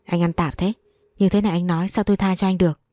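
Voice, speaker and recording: A woman's voice: on the low side, steady tone, fast, mellow, no room sound, lightly acted. A woman voicing a furious, betrayed wife who curses and scolds harshly.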